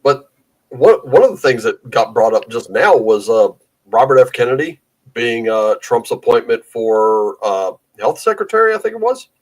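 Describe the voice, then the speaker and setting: A man's voice: mid-range voice, big pitch swings, moderate pace, poor audio. A man co-hosting a political talk show, sardonic and storytelling, swearing casually. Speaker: co-host. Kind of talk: heated political chat.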